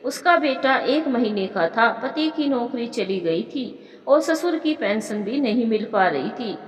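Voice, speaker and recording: A woman narrating a moral family story in an even, plain storytelling manner. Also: fairly high pitch, a little slow. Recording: echoey room with long reverb.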